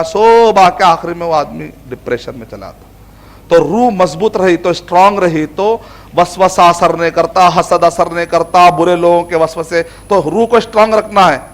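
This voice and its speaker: High-voiced man giving a casual religious lecture. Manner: conversational, repeats phrases, mixes English words. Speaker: Islamic scholar teaching Quran themes.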